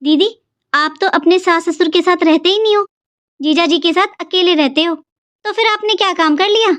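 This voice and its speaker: A woman's voice: very high voice, normal speed, fairly bright tone. A woman voicing an overworked young daughter-in-law and new mother who pleads her case in a Hindi cartoon. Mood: pleading. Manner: pleading, complaining, earnest.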